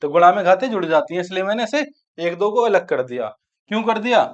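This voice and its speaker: A man's voice: high-pitched, expressive, fast talker. A man teaching a maths lesson for exam preparation. He asks his students questions, answers them himself, and repeats key steps aloud while he writes. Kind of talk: exam-prep maths lecture. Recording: dull lo-fi sound.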